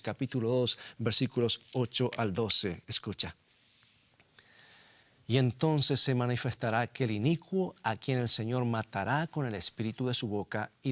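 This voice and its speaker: A man preaching a sermon, asking rhetorical questions and slowly repeating scripture for emphasis. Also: medium pitch, a bit bright, no echo.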